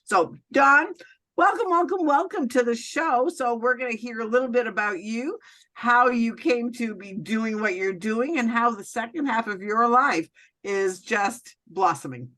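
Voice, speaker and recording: A woman's voice: fairly high pitch, measured pace, bright, forceful tone. Welcoming woman host. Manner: welcoming, repeats words. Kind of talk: casual interview chat.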